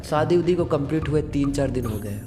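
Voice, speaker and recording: A man narrating a horror story in a conversational, dramatic way, going hushed at tense moments. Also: on the high side, expressive, brisk. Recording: long reverb with background music.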